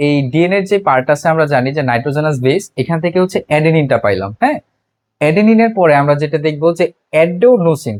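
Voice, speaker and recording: Fast-talking male tutor, dry sound. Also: a little high, no room sound. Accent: Bangladeshi Bengali. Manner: explains step by step, asks and answers his own questions; constant filler words, frequent restarts. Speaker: biology tutor. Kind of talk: classroom lecture.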